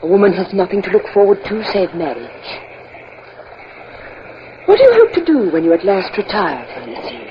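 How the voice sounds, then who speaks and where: Actress as Lady Barbara, lively genteel lady. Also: medium pitch, moderate pace, long pauses, natural voice. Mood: sympathetic, wistful. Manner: polite, refined, expressive. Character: genteel, spirited, inquisitive aristocratic lady. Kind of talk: old-time radio drama acting. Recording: muffled, noisy 1950s radio recording.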